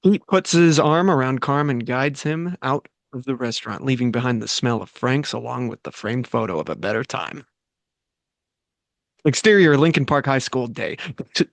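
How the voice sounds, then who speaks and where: This man, with a mid-range voice, handles the stage directions during a table read of a script. He occasionally trips over words, corrects himself and laughs, and the recording has no echo.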